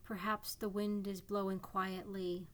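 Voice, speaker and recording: Slow, soothing woman guiding a meditation. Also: medium pitch. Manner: calm, soothing, unhurried delivery with long pauses. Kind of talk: guided imagery meditation narration.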